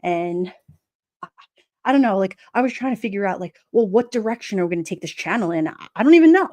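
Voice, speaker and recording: A middle-aged woman with a New York accent, casually chatting on a livestream, sassy and quick to laugh. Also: medium pitch, lively intonation, darkish tone. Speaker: livestream host reading chat. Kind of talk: casual chat.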